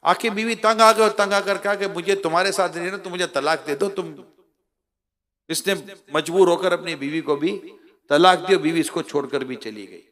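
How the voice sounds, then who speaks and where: A man delivering an emotional sermon, telling a story with dramatic swings between loud cries and hushed lament, repeating words for emphasis. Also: high-pitched, normal speed. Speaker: preacher.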